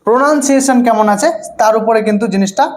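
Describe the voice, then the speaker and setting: A man's voice: extremely high pitch, very fast. A male English teacher with a Bengali accent gives an online exam-prep lecture, repeating words and asking rhetorical questions that he answers himself. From West Bengal, India. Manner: repeats words and often says "okay".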